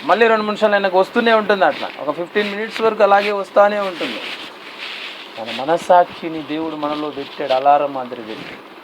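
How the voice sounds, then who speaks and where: A male pastor delivers a sermon and keeps turning to his listeners with questions. He drops English words into his speech. His voice sits high, with a faint hiss in the background. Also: lively intonation, quick pace.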